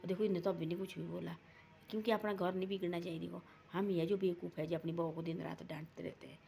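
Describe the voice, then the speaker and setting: A woman with a lowish, dark voice and vocal fry talks fast in a steady tone. She retells a family folk story casually and ramblingly, repeating herself and acting out the dialogue in quotes.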